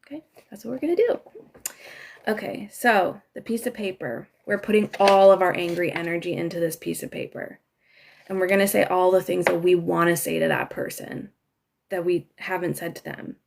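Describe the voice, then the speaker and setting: A woman coaching listeners through a guided emotional exercise on a live stream, giving slow, instructive directions with soft, breathy asides. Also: on the low side. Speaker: healing coach.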